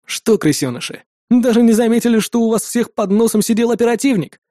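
A man's voice: high-pitched, very animated, a little fast, mellow, dry recording, clean studio sound. A man voicing a cold, brash male officer who snaps threats and orders. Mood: threatening.

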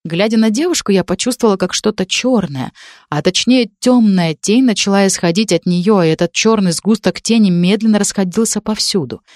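A woman reading a first-person story aloud as narrator, in steady storytelling. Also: medium pitch, brisk, dry recording, clean studio sound.

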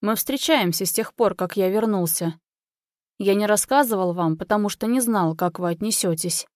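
A woman voicing an agitated young man confronting his parents in a loud, accusing manner, in a read-aloud story. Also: mid-range voice, normal speed, no echo, clean studio sound, natural voice. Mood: tense. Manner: heated, accusing, often shouting.

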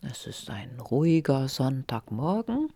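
A woman hosts a radio interview, asking calm, gentle questions. She speaks slowly and unhurriedly in a very low, mellow voice. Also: slightly rough, dry recording.

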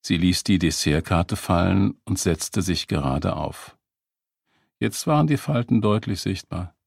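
Gravelly low male audiobook narrator. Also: animated, unhurried, dry recording, clean studio sound. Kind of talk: scripted narration.

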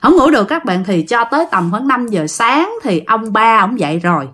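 A woman's voice: a little high, sing-song, normal speed, fairly bright tone. A woman with a Southern Vietnamese accent telling a ghost story in a casual, chatty way, speaking straight to her listeners and acting out the characters' lines. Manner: chatty, addresses listeners directly; acts out characters' lines in quotes.

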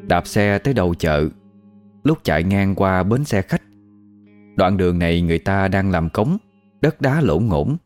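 A man with a Southern Vietnamese accent narrates a ghost story in a very low, deep voice. His telling is colloquial and vivid. Quiet guitar music plays faintly behind him.

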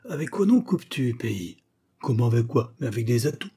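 A man voicing a boisterous old Cossack grandfather who shouts at card games with demons. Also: medium pitch, very animated, brisk, slightly rough, heavily acted. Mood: indignant. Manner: shouting, blustering.

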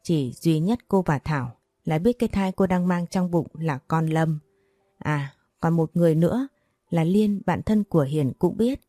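Low-voiced woman reading a story. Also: moderate pace, no echo, studio quality. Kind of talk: scripted story narration. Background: soft background music.

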